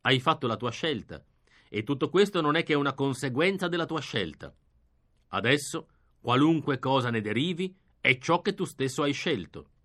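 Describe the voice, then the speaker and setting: A man reading an audiobook, voicing a dry, stern older male professor who speaks low, quiet and curt. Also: expressive, normal speed, natural voice.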